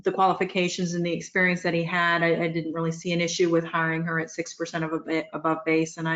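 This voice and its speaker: Flat-voiced woman giving a staff recommendation. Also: fairly low pitch, highs cut off. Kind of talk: giving a recommendation at a public meeting. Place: county meeting room.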